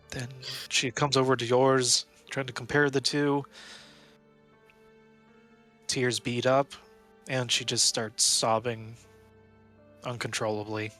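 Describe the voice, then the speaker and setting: A man's voice: mid-range voice, level tone, slow pace, long pauses, bright, forceful tone, soft background music. A man narrating a tabletop game as game master, chatty and trailing off into asides. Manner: chatty, laughs often, trails off.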